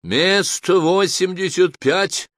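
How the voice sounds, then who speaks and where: A man voicing a computer announcer that calls out verdicts in a slow, loud, proclaiming way. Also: high voice, dry recording, studio quality, pitched above the performer's own voice. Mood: booming.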